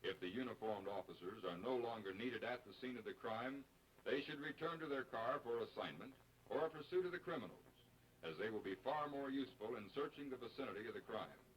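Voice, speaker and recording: Male American narrator for a 1950s-style training film: formal, measured, instructional read, vintage film sound. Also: medium pitch, lively intonation, slight background noise, low-quality recording.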